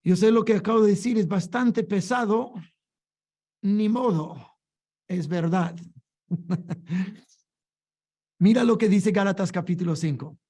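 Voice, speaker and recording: A man's voice: sits high, slow, long pauses, warm tone. A man preaching a sermon, emphatic and full of rhetorical questions, often repeating his words.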